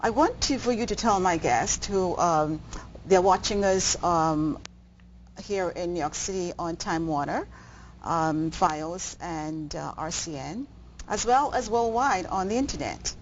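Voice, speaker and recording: A woman's voice: fairly low pitch, animated, measured pace. A woman hosting a cable TV interview, hesitating with many ums and restarts. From Bahamas. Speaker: talk show host. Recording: dull audio, faint noise.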